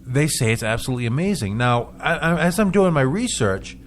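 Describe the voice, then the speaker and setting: A man of middle pitch talks casually as a local radio host, tripping over his own words and restarting, chuckling as he goes. A faint hiss of noise sits under the voice. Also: lively intonation, brisk. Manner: chatty, stumbling restarts, chuckles often.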